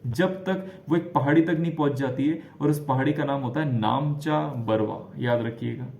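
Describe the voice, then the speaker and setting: A man teaching a geography lesson over a diagram, lively and repeating key names for students to remember, slipping English phrases into his talk. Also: mid-range voice, moderate pace, gravelly, echoey room, lo-fi sound.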